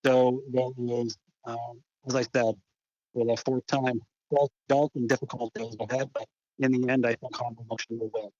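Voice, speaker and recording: A man calling in as a phone interview guest, heard over the phone, talking in a measured, deliberate way about policy. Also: medium pitch, flat delivery, a little mellow, no room sound. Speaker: phone-in guest, head of an advocacy group. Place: green room before a TV appearance. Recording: muffled dry phone line.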